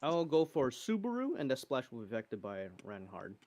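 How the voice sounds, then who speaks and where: A man playing a tabletop game in casual chat, thinking out loud and second-guessing himself. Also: mid-range voice, huge pitch swings, moderate pace, dry recording. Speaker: player in an online tabletop battle.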